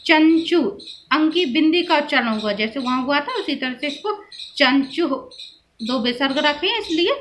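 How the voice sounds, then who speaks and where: High-voiced woman teacher, goes slow and patient, repeats every word, faint hiss behind. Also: animated, a bit bright. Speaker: Sanskrit teacher. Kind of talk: explaining vocabulary to schoolchildren.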